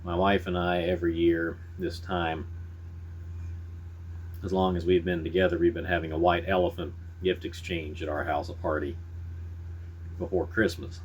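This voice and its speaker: A middle-aged man chatting casually to viewers in a folksy, unhurried, halting way. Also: low-pitched, level tone, slight background noise. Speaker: pipe-smoking vlogger. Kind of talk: casual rambling chat to viewers.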